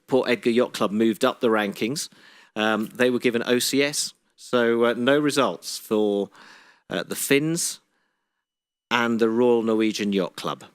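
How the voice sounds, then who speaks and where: Man calling a sailing race live. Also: medium pitch. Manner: steady, informative with frequent fillers. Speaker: sailing commentator. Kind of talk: live sports commentary.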